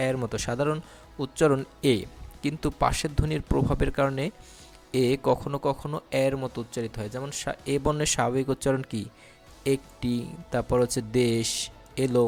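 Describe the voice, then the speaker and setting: A man's voice: medium pitch, darkish tone. A man teaching an exam-prep grammar lesson. He explains step by step, asking questions and answering them himself.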